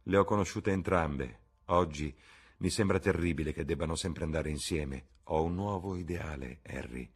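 A man reading a troubled young gentleman. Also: moderate pace, husky, exaggerated voice. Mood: confessional. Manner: earnest, confessional, dropping low on asides. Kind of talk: audiobook character reading.

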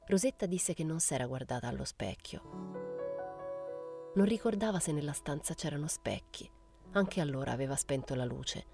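Give me a woman narrating a literary audiobook, low and warm, measured and unhurried, dry close recording. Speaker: audiobook reader.

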